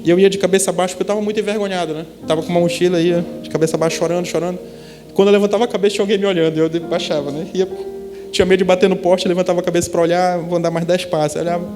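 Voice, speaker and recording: A man's voice: sits high, flat delivery, racing, in a large hall. A man preaching a testimony sermon, telling a story and asking the congregation frequent rhetorical questions. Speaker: pastor. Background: background instrumental music.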